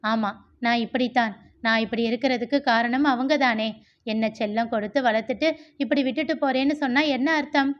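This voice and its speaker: A woman's voice: fairly high pitch, fairly even intonation, a little fast, lightly acted. A woman voicing a spoiled nineteen-year-old young man in a storybook reading, protesting tearfully. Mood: upset. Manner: sobbing, petulant protests. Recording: muffled lo-fi recording.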